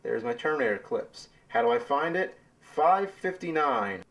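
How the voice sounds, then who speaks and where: A man's voice: medium pitch, expressive, normal speed, a bit bright. A rambling, laid-back man explaining his editing. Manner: loose and rambling, full of fillers. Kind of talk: casual behind-the-scenes explanation.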